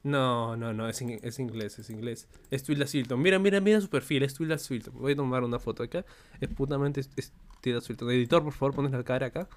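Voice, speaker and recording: A man's voice: mid-range voice, brisk. A young man, chatting casually and jokingly with friends, swearing often. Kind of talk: casual chat.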